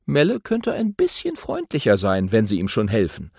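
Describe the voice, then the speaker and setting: A man narrating a children's audiobook in an animated storytelling way. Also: fairly low pitch, moderate pace, creaky, slightly rough, no room sound, clean studio sound.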